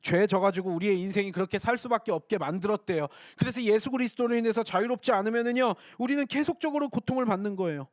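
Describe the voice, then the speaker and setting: A male pastor delivers a sermon in a high voice and at a quick clip. He is earnest and conversational and keeps turning to address his listeners directly. The sound is dry and close. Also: no echo. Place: church.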